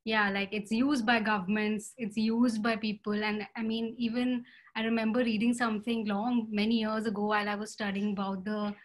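A woman in her thirties talks over a laptop webcam from a room at home. She speaks in a halting, searching way, circling back and restarting her sentences as she thinks. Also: medium pitch, level tone. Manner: hesitant, many fillers and restarts. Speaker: panelist artist. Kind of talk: casual video call discussion. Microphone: laptop webcam video call.

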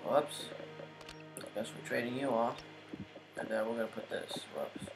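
A man's voice: mid-range voice, measured pace, over music, low-quality recording. Joking young man muttering over gameplay. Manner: joking, muttering asides to himself. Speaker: gaming channel host. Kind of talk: casual gameplay commentary.

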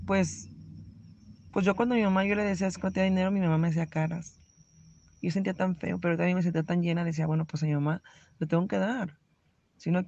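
Mexican woman, middle-aged, gravelly and flat-voiced, halting confessional testimony, dull lo-fi audio with faint noise. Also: fairly low pitch. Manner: earnest, halting, emotional confession. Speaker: recovering addict giving testimony. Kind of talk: personal faith testimony.

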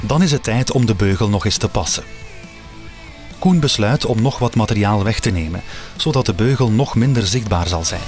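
Calm guy narrating a workshop video, low voice, clear guitar music under him. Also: normal speed. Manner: calm, even, explanatory. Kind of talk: scripted voice-over narration.

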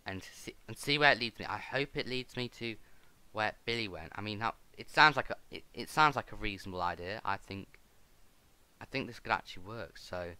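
A man's voice: lowish voice, brisk, bright, forceful tone, smooth. A man giving casual let's-play commentary as host, thinking aloud with hesitant restarts. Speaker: gaming video host.

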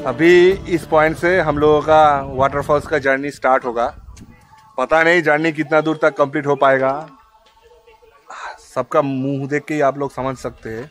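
A man's voice: a little high, level tone, moderate pace, a bit bright, soft background music. A young man chatting to an action camera held at arm's length as he walks an outdoor trail for his travel vlog. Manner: chatty, talking to camera while hiking. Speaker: travel vlogger.

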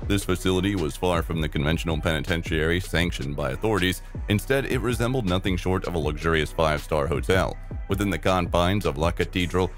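A man reading a scripted documentary voice-over in a formal, dramatic manner, with occasional restarts. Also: deep voice. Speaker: documentary narrator.

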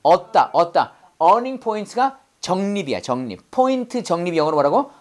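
A woman's voice: on the low side, very animated, normal speed. A woman teaching English vocabulary in class, drilling students with call-and-repeat prompts and playful memory tricks.

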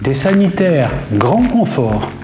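A man's voice: a little high, slow. Roomy-sounding man narrating a travel vlog. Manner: clear, steady presenter delivery. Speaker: travel vlogger. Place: indoor room with brick wall. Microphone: seated facing camera at table. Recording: roomy echo with soft music behind.

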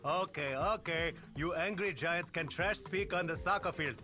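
Man as a pompous, high-pitched little lemur king. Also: moderate pace, close to an everyday voice. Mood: bossy, self-important. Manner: pompous, theatrical, grandiose. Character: small, bossy, self-important lemur king. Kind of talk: animated video game acting. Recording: game music behind the voice.

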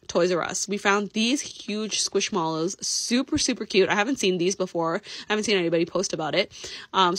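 A woman giving a casual, chatty voice-over about her shopping finds, enthusiastic with quick asides. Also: mid-range voice, fairly bright tone, no room sound. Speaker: vlogger. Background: music.

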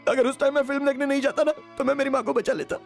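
Young male beggar, drunk and grieving, rambling and tearful, very high pitch, faint music under him. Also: fairly even intonation, very fast, vocal fry. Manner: pleading, then tearful and rambling when drunk. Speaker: dubbing actor voicing a young man. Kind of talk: Hindi film dub.

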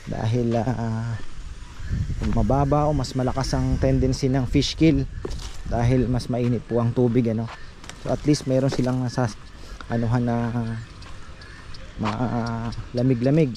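Outdoors on his farm, a farm vlogger gives a casual tour, chatting with his viewers as fellow farmers. His medium-pitched voice is steady and unhurried, with frequent pauses. The noisy outdoor phone recording picks up plenty of background sound.

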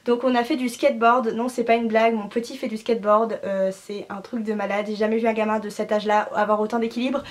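A woman's voice: a little high, flat delivery, fast talker, hardly any pauses. A young woman from France in her twenties, chatting to camera in a gushing, slangy way with lots of fillers. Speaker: au pair vlogger. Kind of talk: casual talk to camera.

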